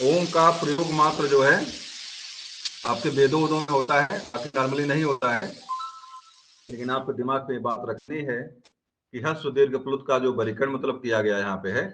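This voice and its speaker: A man's voice: medium pitch, poor audio. A man teaching grammar in an online class, explaining step by step and often checking whether students have understood.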